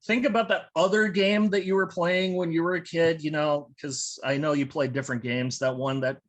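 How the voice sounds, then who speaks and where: An American man doing self-deprecating stand-up comedy over a video call, halting with fillers and restarts. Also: a little high, fairly even intonation. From United States. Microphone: video call from home.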